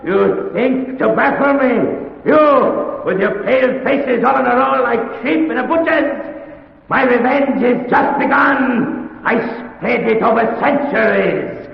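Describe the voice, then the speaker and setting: A man playing a seductive, menacing vampire count with a hypnotic, drawn-out delivery in a 1940s radio horror drama. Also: very high voice, gravelly, exaggerated voice. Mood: defiant. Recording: muffled old radio recording, cavernous reverb, music.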